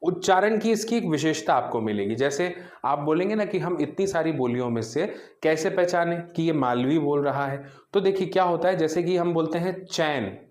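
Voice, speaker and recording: A man's voice: on the high side, expressive, normal speed, darkish tone, reverberant. A man teaching an exam-prep grammar lecture, explaining step by step and answering his own questions.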